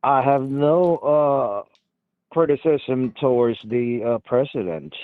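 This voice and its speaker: A man's voice: medium pitch, no echo. Hesitant man in his fifties on a phone line. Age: 50s. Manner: hesitant, many pauses and filler sounds. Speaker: caller.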